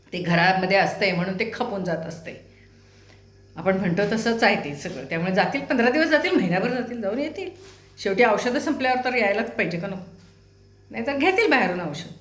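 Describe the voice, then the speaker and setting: A woman in her sixties with a Marathi accent, a host telling home stories to viewers in a chatty, humorous way full of rhetorical questions. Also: medium pitch. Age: 60s. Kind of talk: casual talk to viewers. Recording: echoey room.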